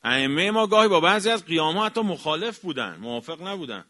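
A man delivering a religious lecture, emphatic, swinging from raised exclamations down to quiet, low remarks. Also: big pitch swings. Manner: emphatic, rising to exclamations then dropping low. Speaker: cleric.

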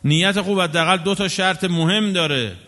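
A man's voice: sits high, pushed and bright. A man delivering an impassioned sermon, scolding and full of rhetorical questions. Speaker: preacher. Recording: long hall reverb.

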